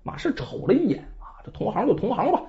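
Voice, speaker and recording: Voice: mid-range voice, fast talker, creaky. A storyteller narrating a bandit tale in a dramatic traditional style, with chatty asides to the listener. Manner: lively, dramatic, conversational asides. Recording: dull lo-fi recording.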